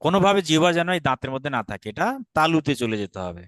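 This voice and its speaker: A man's voice: on the high side, big pitch swings, very fast. Patient Bangladeshi man teaching, dry sound. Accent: Bangladeshi Bengali. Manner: patient, repeats sounds for students to echo; mixes English words into explanations. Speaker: Sanskrit teacher. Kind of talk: online grammar class.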